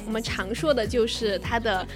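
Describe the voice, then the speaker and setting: A woman's voice: fairly high pitch, fairly even intonation, normal speed. A woman co-hosting a casual podcast chat, playful and giggly. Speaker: podcast co-host. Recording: music playing behind.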